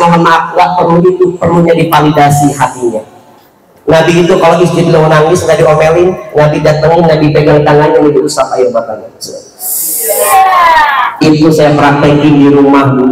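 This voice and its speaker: A man giving a humorous sermon in a mosque, joking and calling out to the audience. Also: fairly high pitch. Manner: joking, animated, calls out to the audience. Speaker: preacher. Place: mosque hall, recorded from a distance. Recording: echoey, distant, noisy.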